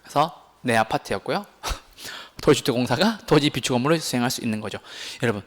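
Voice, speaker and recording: A man teaching a real estate exam class, lively and teasing as he keeps putting questions to his students. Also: mid-range voice, brisk. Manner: animated, teasing, asks the class many questions.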